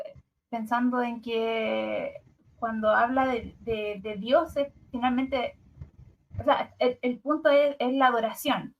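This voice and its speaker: Woman, high voice, tentative, partly reads notes, set back from the mic. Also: recorded from a distance, highs cut off. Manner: tentative, partly reading aloud. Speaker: study group participant. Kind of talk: casual Bible study discussion.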